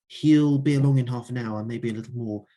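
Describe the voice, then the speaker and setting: A man voicing a grim female festival director who speaks briskly and businesslike. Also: medium pitch, mellow, lightly acted.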